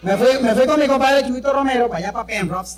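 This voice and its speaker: A man's voice: very high-pitched, fast talker. A man with a Venezuelan accent doing crude, chatty live stand-up comedy on stage. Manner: brash, crude, chatty storytelling with the crowd. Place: stage before a live audience. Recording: live show with crowd noise.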